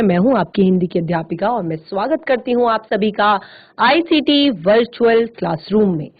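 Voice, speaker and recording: A woman Hindi teacher leading a virtual classroom lesson, explaining slowly and deliberately with frequent pauses. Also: on the high side. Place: studio. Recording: tinny, phone-like narrow sound.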